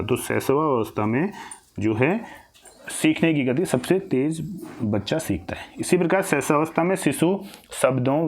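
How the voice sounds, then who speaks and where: A man's voice: mid-range voice, darkish tone. A man teaching a recorded exam-prep lesson. He asks questions and answers them himself, often restarting and repeating phrases.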